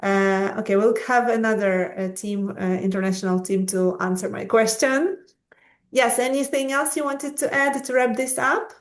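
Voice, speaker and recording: A woman's voice: on the high side, moderate pace. Chatty woman moderating an online conference. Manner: chatty, encouraging, with fillers. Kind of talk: live online conference hosting. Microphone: video call.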